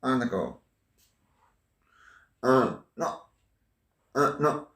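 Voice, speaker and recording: Halting, playful man, recorded from afar. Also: medium pitch, very animated, fairly bright tone. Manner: halting, full of restarts, playful. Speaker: theatre amateur. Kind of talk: retelling and acting out a stage comedy. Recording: roomy sound from a distant mic.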